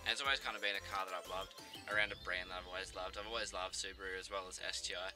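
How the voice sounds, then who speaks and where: A man's voice: low voice, steady tone, very fast, music in the background, rough recording. A young man in his twenties hosting a car vlog outdoors, talking casually with slang and the odd swear. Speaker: car channel host. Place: outdoors in a gravel yard.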